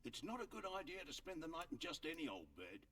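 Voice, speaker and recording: Casting: crooked, self-righteous innkeeper-trader in a game; highish voice, swooping delivery, sly, scornful. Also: male voice, sing-song, quick pace, fairly bright tone, far from the mic, slight background noise. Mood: slick, smug. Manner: sly salesman patter, scornful when crossed. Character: crooked male merchant and innkeeper, smug, defiant, self-righteous. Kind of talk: video game voice acting.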